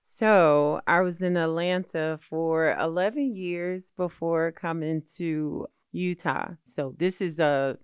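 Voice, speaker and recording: A middle-aged woman, a magazine founder being interviewed, telling her story in a lively, expressive way. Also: deep voice, slow pace, hardly any pauses, clean tone, no room sound, studio quality. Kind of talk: animated storytelling in a conversational interview.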